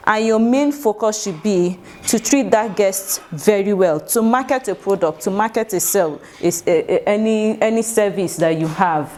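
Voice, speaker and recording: A woman's voice: mid-range voice, a little mellow. A woman with a Nigerian English accent leading a workplace training session, explaining rules in an instructive way and quizzing the room. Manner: instructive, asks the room questions, acts out sample phone greetings. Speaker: staff trainer.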